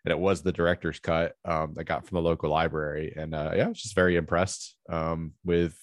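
An American man with a croaky, frog-like voice, sniffly with a cold, hosting a casual film podcast in a chatty way full of asides. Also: very deep voice, flat delivery, a little fast, dry recording, clean studio sound. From southeastern United States. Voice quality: croaky, froggy voice. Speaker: podcast host.

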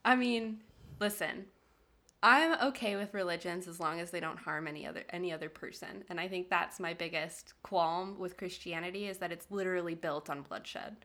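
A woman's voice: on the low side, moderate pace, bright, forceful tone. A woman co-hosting a casual podcast, reading out history notes in a chatty way and laughing often. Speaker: podcast co-host.

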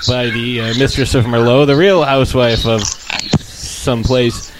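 A man's voice: mid-range voice, steady tone, unhurried, noisy background. A man hosting a podcast with rambling, dry joking introductions and casual comic banter. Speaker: podcast host.

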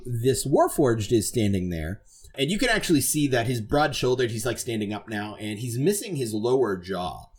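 A man's voice: mid-range voice, very animated, moderate pace, slightly rough. A man narrating as game master for a tabletop game in a casual, chatty way. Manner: casual, laughing, filler-heavy narration.

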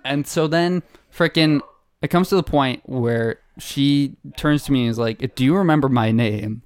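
A young man co-hosting a podcast, telling a story in a casual, animated way with laughs and acted-out quotes. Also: mid-range voice, moderate pace, smooth. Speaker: podcast co-host.

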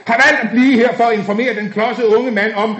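A man's voice: extremely high pitch, fairly even intonation, a bit bright. A man voicing a cocky, foul-mouthed young male tough who sneers and rattles off insults, in a dull, echoey room recording. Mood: sneering.

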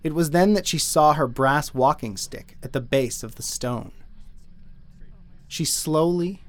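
A man narrating his own written audio story in a measured, dry storytelling manner. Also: fairly high pitch. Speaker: writer and narrator.

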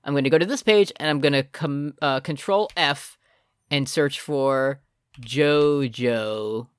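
A man's voice: medium pitch, takes it slowly, smooth, no echo, studio quality. A man co-hosting a podcast, recapping an anime in casual, joking chat. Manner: lively, joking, exclaims loudly when excited. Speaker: podcast co-host.

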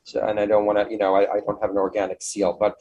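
Husky-voiced, enthusiastic man being interviewed. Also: lowish voice, completely flat delivery, fast talker, mellow, lo-fi sound. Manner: enthusiastic, effusive. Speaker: interview guest, food business owner. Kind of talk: conversational interview.

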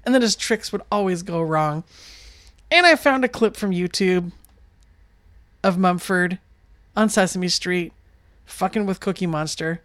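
Frau, lockere Moderation, trockene Aufnahme. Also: female voice, fairly low pitch, unhurried, long pauses, fairly bright tone, dry recording, studio quality. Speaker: show host. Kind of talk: casual chat introducing clips.

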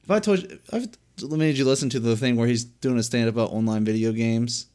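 A young man chatting casually on a podcast with a middle-pitched voice. He rambles through stories with lots of fillers and breaks into loud, acted-out quotes. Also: brisk. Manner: rambling storyteller, acts out voices loudly. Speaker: podcast co-host. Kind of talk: casual chat.

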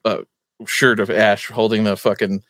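A man's voice: lowish voice, little pitch movement, moderate pace, a bit bright, no echo. A man hosting a casual podcast, laying out the rundown in a loose, swearing manner. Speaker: podcast host.

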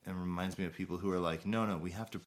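A man's voice: deep voice, steady tone, very fast. A man rambling in a casual rant while his call audio glitches and drops words mid-sentence. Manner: rambling, profane, full of fillers. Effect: glitching audio, voice cutting out mid-sentence. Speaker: podcast co-host. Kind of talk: casual ranting chat.

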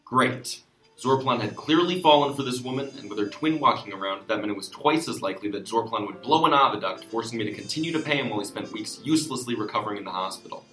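An actor playing an exasperated, self-important sheriff who narrates a comic noir detective story. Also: male voice, mid-range voice, animated, fast, bright, forceful tone, faint music behind. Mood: wry, hard-boiled. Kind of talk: comic hard-boiled noir narration and dialogue. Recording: roomy echo.

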